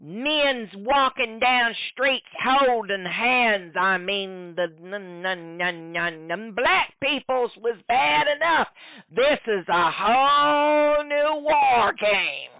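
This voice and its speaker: A woman's voice: mid-range voice, expressive, takes it slowly, no echo. A woman voicing an ignorant, bigoted hillbilly woman with a put-on Appalachian drawl and exaggerated gasps. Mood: scandalized. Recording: dry, tinny phone-like sound.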